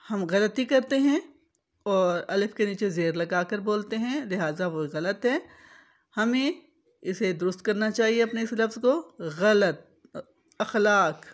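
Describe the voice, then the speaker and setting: Woman, pronunciation lesson, unhurried, repeats words, mid pitch. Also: animated. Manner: spells out vowel marks letter by letter, repeats words. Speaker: Urdu pronunciation teacher. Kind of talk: slow, deliberate instructional explanation.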